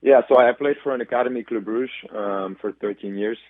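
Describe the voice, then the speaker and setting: A Belgian soccer player in his twenties, guesting on radio by phone, gives thoughtful replies peppered with ums and restarts. He speaks briskly at a medium pitch. The recording is dry over a tinny phone line.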